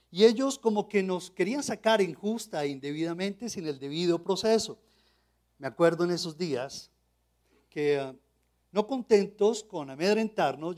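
Telling his own testimony from the pulpit, this man, a pastor, keeps turning to the congregation with rhetorical questions that invite their agreement. His voice is on the high side with a darkish tone.

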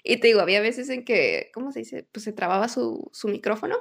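A woman's voice: on the high side, fairly quick, vocal fry, slightly rough. A young Mexican woman co-hosting a podcast, telling stories animatedly, acting out quotes and laughing often. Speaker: podcast co-host. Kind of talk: casual chat.

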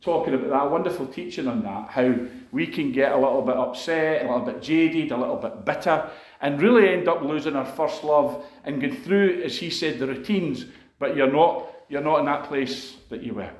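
A man with a fairly high voice tells a personal story from the pulpit, loose and conversational, with plenty of fillers and restarts. His talk is heartfelt, and he keeps turning to the congregation for a response. The sound rings around a roomy, echoing hall. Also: normal speed. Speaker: preacher. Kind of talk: sermon testimony. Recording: echoey room.

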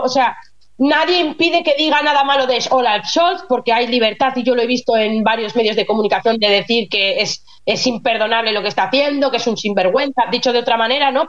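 A woman with a high, bright voice appears as a guest on a casual radio interview, a nurse living in Germany. She explains things in an animated, chatty, talkative way, though a dull, lo-fi remote line softens her sound.

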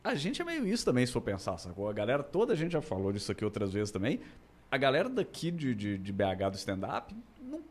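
Man, podcast co-host, casual chat, lively, fast. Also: medium pitch.

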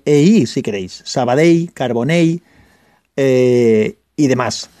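Valencian-accented male vlog host, slightly high and warm, clarifies patiently, dry close sound. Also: dry recording. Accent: Valencian Spanish. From Valencia, Spain. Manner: patient, restates and clarifies points with frequent "eh" pauses. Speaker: channel host. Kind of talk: casual explainer monologue.

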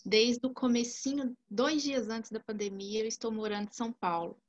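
A woman from Belo Horizonte, Brazil, telling a personal story on a video call in a calm, nostalgic way. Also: on the high side, normal speed, lo-fi sound.

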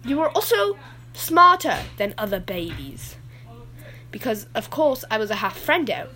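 A woman's voice: a little high, big pitch swings, measured pace, pushed and bright, slight background noise, exaggerated voice. A woman playing a rambling goofy dad. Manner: rambling, easily sidetracked storytelling.

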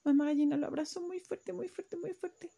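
A woman telling a children's story to a child, animated and full of sound effects. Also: high-pitched, brisk, vocal fry.

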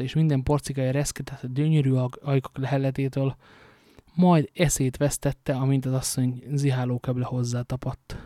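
A man's voice: mid-range voice, mellow, no room sound. Man reading a novel aloud, dry sound. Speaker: audiobook narrator.

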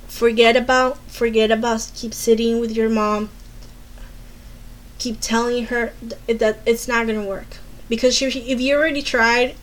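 A woman's voice: a little high, poor audio. A woman casually telling a personal story and giving earnest advice, speaking candidly, swearing freely, and often restarting her sentences. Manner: earnest and urging. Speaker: advice giver.

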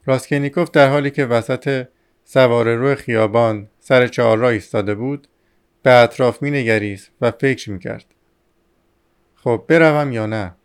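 A man reading a novel aloud as an audiobook narrator, steady and measured. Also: medium pitch, clear, resonant tone.

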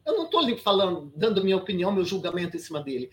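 A woman's voice: lowish voice, sing-song, racing. A Brazilian woman in her sixties, an actress guesting on an interview podcast, tells a story emphatically with many restarts and "sabe?" asides. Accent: Brazilian Portuguese.

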